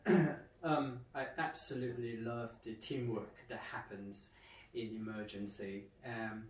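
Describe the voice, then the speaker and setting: A man from Malaysia, an emergency doctor speaking to camera in a warm, halting way with many fillers. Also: medium pitch, steady tone. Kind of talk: speaking to camera about his work. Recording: roomy, distant mic, faint hiss.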